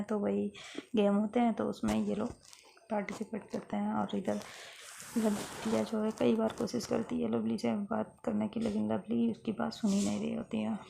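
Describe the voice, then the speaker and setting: A woman's voice: mid-range voice, vocal fry, warm tone, slight background noise. A woman casually retelling a romance story in a plain, conversational manner.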